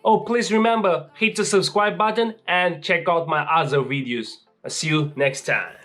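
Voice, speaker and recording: A young man with a fairly high voice and a non-native English accent talks to his viewers in an earnest, encouraging way. It sounds like a personal fitness vlog, with music playing behind him. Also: moderate pace, sharp tone. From Uyghur region. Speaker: vlogger recapping a fitness challenge.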